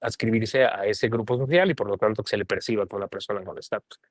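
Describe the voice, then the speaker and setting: A Mexican man with a lowish voice talks as a guest in a casual conversation. He thinks aloud, qualifies his ideas and often tags his sentences with a soft question. The sound is dry and close. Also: quick pace, no room sound. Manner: thoughtful, hedging, often adds a questioning tag. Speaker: translator and guest.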